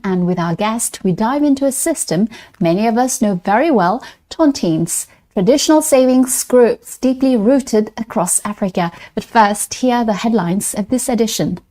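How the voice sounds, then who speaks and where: A woman hosting a television program, delivering scripted introductions in a smooth announcer style. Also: fairly high pitch, a little mellow. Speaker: TV program presenter. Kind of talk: scripted broadcast presenting.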